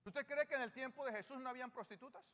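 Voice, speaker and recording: Quick-paced and slightly bright, a very high male voice with a Salvadoran Spanish accent preaches to a congregation. He frequently poses questions and answers them himself, recorded in a reverberant church hall with music.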